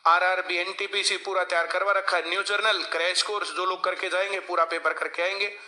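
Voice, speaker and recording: Guy teaching a class, highish very bright voice, keeps asking if they get it. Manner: lecturing, asks class for replies. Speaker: coaching teacher. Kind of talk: classroom lecture.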